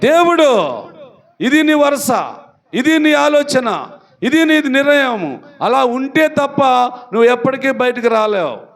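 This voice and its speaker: A man's voice: extremely high pitch, sing-song, measured pace, pauses often, fairly bright tone. A male pastor preaching a sermon in a church, retelling a story and firing questions at the congregation. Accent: Telugu. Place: church hall.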